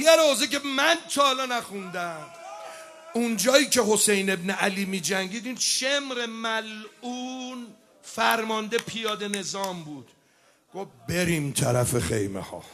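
A man with a high, ringing voice leads a mourning ceremony. He shifts between spoken storytelling and chanted lament, often shouting and urging the crowd to weep and answer him. Faint music plays underneath. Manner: shouts and cries out, urging the audience to weep and respond. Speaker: mourning eulogist leading a religious gathering. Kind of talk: impassioned mourning recitation, mixing speech and chant.

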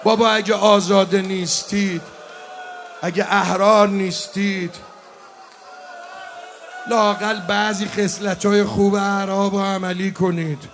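A man's voice: sits high, little pitch movement, long pauses, fairly bright tone, faint music behind. A man voicing a wounded, noble male warrior who calls out a plea to spare his family. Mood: pleading. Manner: calling out a plea.

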